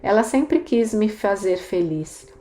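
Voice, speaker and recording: A woman's voice: mid-range voice, animated, slow, mellow. A woman reading a bitter, frank older priestess. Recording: roomy echo, faint music.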